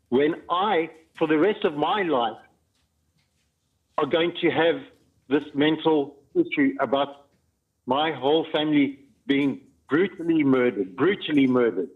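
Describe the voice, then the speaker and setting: A middle-aged man calling a phone-in, speaking emphatically in halting, repetitive phrases, distressed and emotional as he gives personal testimony. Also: on the high side, slightly rough. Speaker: phone-in caller. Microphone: phone call. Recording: tinny narrowband phone line.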